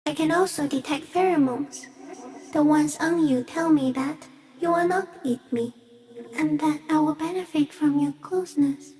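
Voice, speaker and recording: A woman performs a giant stick insect for a video game, her high-sitting voice gentle, solemn and cryptic. She delivers slow, measured phrases, though the audio quality is poor.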